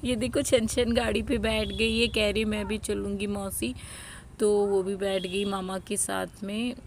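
A young woman from Uttar Pradesh narrates her family vlog in a chatty way, talking straight to her viewers. Her voice has a gravelly, creaky texture and stays fairly level in pitch. A faint noise sits under her voice. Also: flat delivery, measured pace. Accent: Uttar Pradesh Hindi. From Uttar Pradesh, India. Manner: chatty, addresses viewers as guys. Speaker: family vlogger. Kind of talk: casual vlog narration over footage.

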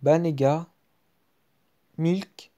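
Excitable French gamer, mellow voice. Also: male voice, a little high, very slow, dull audio. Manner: excitable, trailing off to mutters between outbursts. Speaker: gaming video creator. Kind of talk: casual live commentary while opening card packs. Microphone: screen-recording app mic.

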